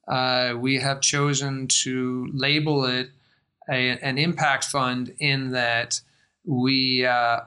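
A middle-aged Danish man, a life-science investor appearing as a guest, answers interview questions in a measured, thoughtful way. His Danish accent carries an American influence, and his medium-pitched voice sounds bright and forceful.

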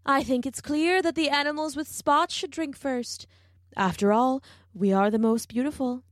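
Vain storybook giraffe, high and condescending, as a woman puts her on, dry close take. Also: moderate pace, no room sound, lightly acted. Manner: lofty, condescending.

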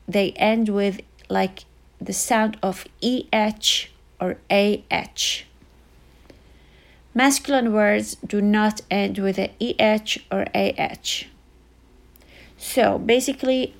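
A woman tutoring Arabic in a casual online lesson, explaining slowly with repetition and frequent fillers. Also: mid-range voice, vocal fry. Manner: slow, repetitive teaching with many fillers.

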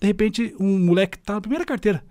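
A fast, high-pitched man with a widely swinging pitch. The recording is dry and close. He tells the story like a performer and acts out each scene. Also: lively intonation, dark tone, no echo. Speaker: teacher. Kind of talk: casual chat.

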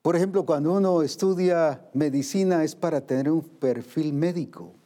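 A man's voice: a little high, moderate pace, warm tone. A man preaching a sermon, asking questions and acting out the voices of worried believers.

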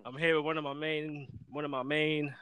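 A young man hosts a loose, casual podcast chat, swearing freely and laughing easily as he talks with an old friend. His voice sits a little high for a man and sounds close and dry, with hardly any room around it. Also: level tone, moderate pace, fairly bright tone, clear, resonant tone, no room sound. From Florida. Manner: profane, laid-back, laughs often. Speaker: podcast host.

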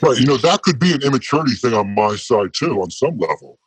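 Guest: man in his forties, voice disguised, husky and close, candid and blunt. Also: medium pitch, big pitch swings, fast talker, no echo. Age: 40s. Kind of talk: casual interview answers.

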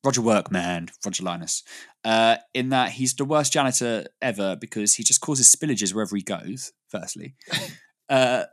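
A man's voice: lowish voice, moderate pace. A British man co-hosting a casual podcast chat, rambling with frequent laughs and restarts. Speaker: podcast co-host.

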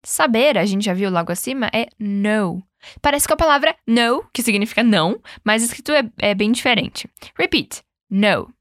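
A Brazilian woman hosting a podcast English lesson, upbeat and coaching, modelling English words slowly and prompting the listener to repeat them. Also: on the high side, lively intonation, fairly bright tone, no echo, clean studio sound. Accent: Brazilian Portuguese. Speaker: English teacher and podcast host. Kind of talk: podcast language lesson with repeat-after-me drills.

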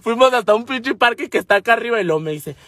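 A man's voice: extremely high pitch, fast, no room sound, studio quality. A man with a Mexican accent telling a funny personal story, swearing freely and acting out every line people said. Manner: animated, swears freely, dramatic retelling with acted-out quotes; refers to himself with feminine forms. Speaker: vlogger.

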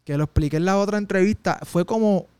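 Man, interview guest, emotional testimony, slightly high and dry-sounding. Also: fast talker, a little mellow, clear, resonant tone, no room sound. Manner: intense, emotional storytelling with street slang. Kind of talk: personal testimony in conversation.

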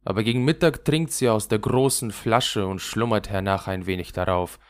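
A man's voice: lowish voice, moderate pace, lightly acted. A man voicing a wild, bossy little robber girl in a fairy tale, with a fierce, teasing manner.

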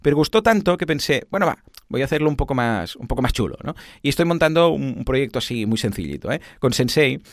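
A man in his thirties, explaining software in a casual, animated way full of tag questions and examples. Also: medium pitch, quick pace, no echo, clean studio sound. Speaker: podcast host explaining software.

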